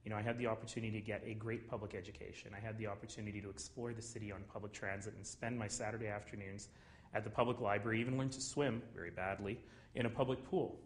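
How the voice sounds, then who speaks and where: A man's voice: fairly low pitch, fairly even intonation, fast talker, slight background noise. A Canadian man in his forties telling personal stories to camera in an earnest, storytelling way, recorded in a small office. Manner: earnest, storytelling, warm chuckles. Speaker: city mayor.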